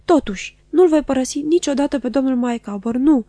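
A woman's voice: on the high side, warm tone, dry recording, lightly acted. A woman voicing an emotional, melodramatic middle-aged wife who declaims her loyalty insistently in an audiobook. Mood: tearful, dramatic. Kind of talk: audiobook character voice.

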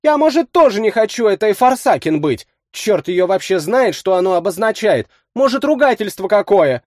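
Man playing a high, whiny young woman who grumbles. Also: big pitch swings, normal speed, darkish tone, no echo, studio quality. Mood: sulky. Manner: whiny, complaining. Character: grumbling young woman, chewing, a bit offended.

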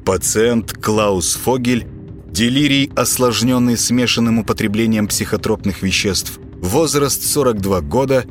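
A man narrating a story in an expressive reading style. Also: mid-range voice, a little slow, soft background music. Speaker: audiobook reader. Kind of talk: scripted narration.

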